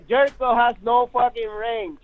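A man co-hosting a sports talk show, excitable and needling, arguing back in disbelief. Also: very high voice, unhurried, a loud crowd. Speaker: podcast co-host. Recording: tinny phone-like line, dry.

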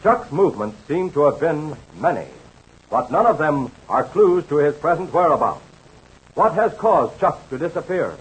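A man's voice: on the high side, very animated, moderate pace, slightly rough, low-quality recording. Old radio announcer, American man, swooping delivery. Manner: emphatic, addresses young listeners directly. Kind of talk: old-time radio announcer, scripted narration and ad pitch.

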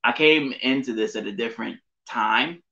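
Dull lo-fi audio carries a middle-aged man's medium-pitched voice, bright and forceful at a normal speed. Chatting casually as a podcast guest, he rambles, leaning on frequent fillers and restarting or correcting himself often.

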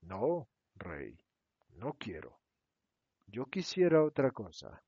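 Man doing gentle orphan boy, soft pleading, slow, dull dry lo-fi sound. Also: fairly low pitch, wildly swooping pitch, slightly rough, no echo, full character voice. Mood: earnest.

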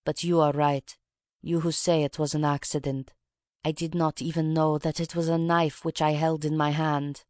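A reader playing a proud, grave Russian woman revolutionary who makes a dignified confession in an audiobook. The recording is dry and close, with a middle pitch. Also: little pitch movement, moderate pace, no room sound, natural voice. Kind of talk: audiobook reading.

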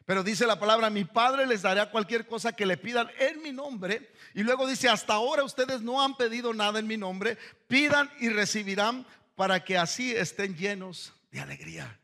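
A man's voice: high voice, expressive, normal speed, bright, forceful tone. A man preaching a fervent sermon, telling anecdotes and laughing now and then. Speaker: pastor.

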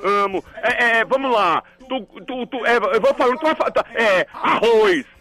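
Man putting on a high, boisterous Northeastern Brazilian joker. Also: very animated, moderate pace, gravelly, sharp tone, faint music behind, full character voice. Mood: playful. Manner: stammering repetitions, folksy slang, mock insults. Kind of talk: comic radio banter with a caller.

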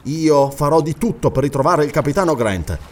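A man's voice: fairly high pitch, lively intonation, fairly quick, close to an everyday voice. A man reading the part of a determined nobleman who earnestly addresses his companions in a storybook. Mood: resolute. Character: determined male nobleman leading an expedition.

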